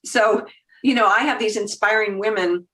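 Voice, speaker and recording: On a podcast, an agency founder in her fifties speaks at normal speed in a medium-pitched, sharp-toned voice, captured with poor audio. Her casual, animated talk is full of easy laughter and quoted inner thoughts.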